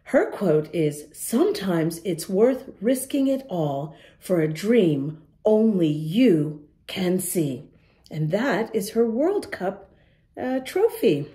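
This storytime host reads a picture book to young children, speaking directly to them with encouraging, emphatic questions. Her mid-range voice is mellow, moves through big pitch swings, and keeps a slow pace.

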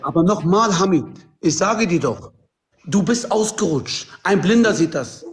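A man's voice: high voice, expressive, measured pace. A man arguing heatedly and insistently on a group video call, talking over the others. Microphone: video call on phone or computer.

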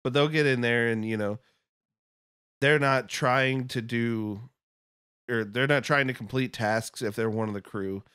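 A man's voice: medium pitch, measured pace, a bit bright, clean tone, dry recording, clean studio sound. A man guesting on a casual podcast, talking in a rambling, candid way and swearing now and then. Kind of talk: casual chat over beers.

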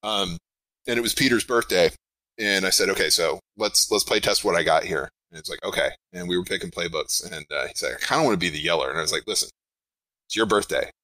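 A middle-aged game designer, a guest on a podcast interview, has a big, projecting voice pitched slightly low with a bright, forceful edge. He talks fast, rambling animatedly and often interrupting himself to restart sentences. The rough recording is close and dry, with no echo.

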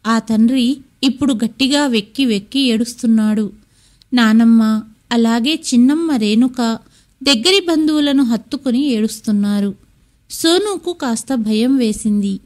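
A woman narrating a scripted story in a steady, measured way. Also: a little high.

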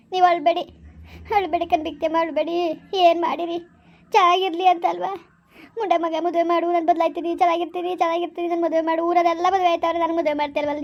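A woman's voice: extremely high pitch, muffled recording. A woman playing an older village mother-in-law who insistently reassures and comforts. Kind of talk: village family drama.

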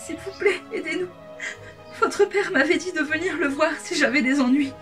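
A woman's voice: sits high, fairly bright tone, recorded from a distance, soft background music, voice pushed up. A woman voicing a desperate young mother who sobs and begs for help. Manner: tearful, hurried pleading.

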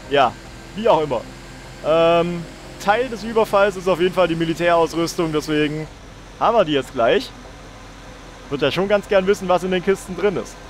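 A young man with a slightly high voice hosting a let's play, joking, swearing and chatting to his viewers as he plays. A faint hiss runs underneath. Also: moderate pace, pauses often. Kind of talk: casual gameplay commentary.

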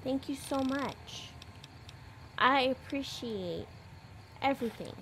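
A woman's voice: high voice, animated, slow, a bit bright, a little hiss or hum. A woman gamer giving casual, chatty commentary while playing, talking back to the game's characters.

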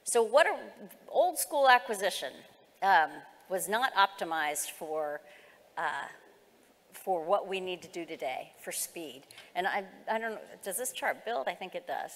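Unhurried and with big swings in pitch, a fairly low female voice delivers a conference keynote. The speaker is a middle-aged American government executive explaining things in a semi-formal way on a large hall's stage, where the sound echoes.

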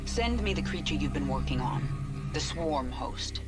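A woman's voice: low-pitched, lively intonation, normal speed. A woman voicing a vengeful, commanding alien swarm queen in a video game, imperious and curt. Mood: imperious, aggressive. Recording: loud game music behind.

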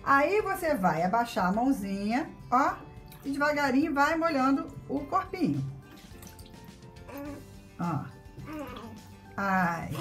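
Lively high-voiced woman cooing diminutives. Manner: coos to the baby, heavy use of diminutives. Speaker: instructor demonstrating baby care. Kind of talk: casual instructional demonstration. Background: baby crying and music.

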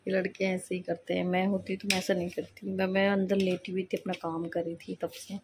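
Young woman, low flat voice, talking softly, slightly stuffy nose, faint kitchen noise behind. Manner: soft-spoken, talking quietly while others sleep; chatty, forgetful, mixes in English phrases. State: slightly congested from a cold. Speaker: vlogger. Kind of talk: casual cooking vlog chat. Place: home kitchen.

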